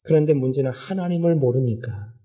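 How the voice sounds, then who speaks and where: A male pastor preaching a sermon, telling the story in a lively way, often asking the congregation questions and acting out what people said. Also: mid-range voice, a little fast, slightly rough.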